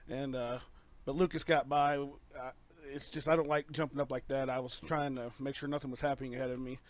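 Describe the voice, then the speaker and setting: A man giving a halting, earnest post-race victory interview as a sim racing driver, full of fillers, talking over a voice-chat headset. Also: mid-range voice, little pitch movement.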